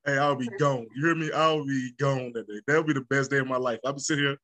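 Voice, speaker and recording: A man guest on a podcast, joking in an animated way with a husky voice. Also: mid-range voice, fast talker. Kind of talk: casual chat.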